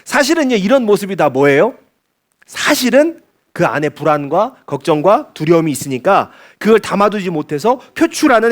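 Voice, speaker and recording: A male pastor preaching a sermon at a church service, speaking conversationally and asking his listeners frequent rhetorical questions. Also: high voice.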